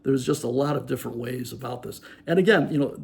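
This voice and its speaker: Gravelly man musing on poetry. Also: mid-range voice, darkish tone. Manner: reflective, musing, with frequent fillers; slow, measured reciting of verse. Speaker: poetry reader and commentator. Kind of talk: casual commentary with poetry readings.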